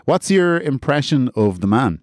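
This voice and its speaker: A man hosting an improvised comedy talk show in a brisk, straight-faced presenter manner. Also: mid-range voice, big pitch swings, a little mellow, dry recording, studio quality. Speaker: host.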